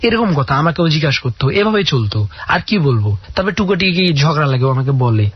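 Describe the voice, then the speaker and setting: A man with a slightly high, husky voice recounts a long personal story on a call-in radio show. He tells it earnestly and acts out the dialogue. The broadcast audio sounds dull and lo-fi. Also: big pitch swings, fairly quick, no echo. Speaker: caller.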